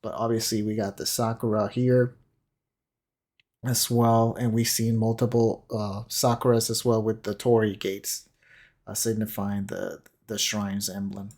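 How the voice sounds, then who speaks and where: A gaming commentator talks unscripted over a video game, explaining and musing tentatively as he goes. His lowish voice is flat, unhurried, and a little mellow, with faint music in the background.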